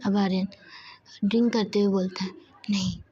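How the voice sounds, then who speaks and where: A woman casually retelling a romantic story in a soft, half-whispered way, often correcting herself. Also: mid-range voice, little pitch movement, normal speed. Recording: dull lo-fi with faint hiss.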